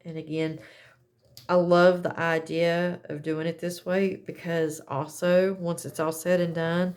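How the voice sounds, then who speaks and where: A woman's voice: on the low side, little pitch movement, a little slow, darkish tone. A woman chatting casually as she demonstrates a craft setup, talking in a folksy way and correcting herself as she goes. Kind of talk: casual how-to chat.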